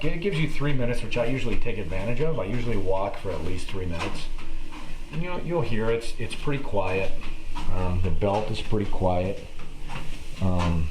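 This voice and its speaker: A man with a low voice talks through a product in an informal, loosely improvised way. He sounds like a home vlogger holding his own camera indoors, with faint noise behind him. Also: a little mellow, rough recording. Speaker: vlogger reviewing a treadmill. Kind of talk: casual product walkthrough. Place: small dim room at home, indoors. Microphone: handheld camera's own microphone.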